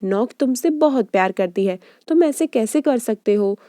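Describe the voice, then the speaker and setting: A woman's voice: on the high side, expressive, moderate pace, dark tone, no room sound, clean studio sound, close to an everyday voice. A woman voicing a stubborn, flustered young woman who pushes back in a romance drama recap. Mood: defensive.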